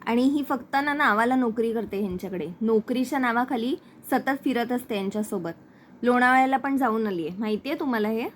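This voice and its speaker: A woman's voice: fairly high pitch, brisk, slight background noise, natural voice. A woman reading the lines of an accusing young sister-in-law in a plain recap voice.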